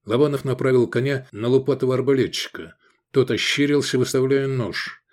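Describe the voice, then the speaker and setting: A man's voice: medium pitch, brisk. Man narrating an action audiobook. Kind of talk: scripted narration of an action novel.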